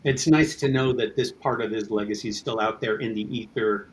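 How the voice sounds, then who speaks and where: A writer-producer of an audio drama talks as a guest in a casual promotional interview, rambling conversationally about his creative work. His voice is fairly low and a little fast. The audio is poor, with slight background noise.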